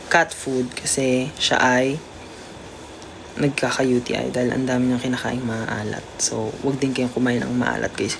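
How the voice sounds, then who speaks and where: A livestream host chatting casually to viewers about a pet cat, at times slipping into a high coaxing baby voice for the cat. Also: creaky, slight background noise. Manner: chatty, keeps addressing viewers.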